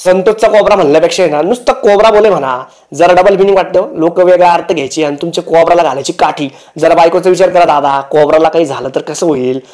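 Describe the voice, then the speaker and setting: A man's voice: on the high side, fast, darkish tone. A man hosting a comic roast, teasing and mocking the people in the clips he reacts to. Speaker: roast host.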